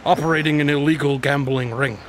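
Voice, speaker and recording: Holmes, a man as a smug, higher-voiced detective. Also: fairly even intonation, a little fast, a loud crowd, lightly acted. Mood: self-assured. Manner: breezy, self-assured, pedantic. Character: Holmes, smug, unflappable, eccentric male amateur detective. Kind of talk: radio drama acting.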